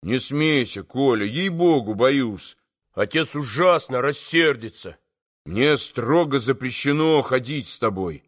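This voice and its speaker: A man's voice: mid-range voice, animated, a little slow. A man reading an audiobook, voicing a timid schoolboy who is afraid of his father. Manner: timid, hesitant.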